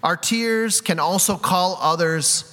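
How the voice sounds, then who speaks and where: Bright-voiced man preaching in a hall. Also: high-pitched, takes it slowly. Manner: candid, confessional storytelling with self-deprecating laughs. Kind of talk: sermon. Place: church sanctuary. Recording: long reverb of a large hall.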